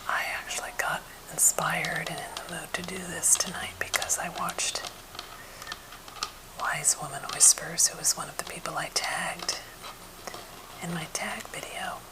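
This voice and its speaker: An American woman whispering softly and breathily in a gentle, unhurried ASMR chat, as for a finger-tapping video. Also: sits low, steady tone, poor audio. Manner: gentle, unhurried rambling storytelling. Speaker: ASMR creator showing wooden objects.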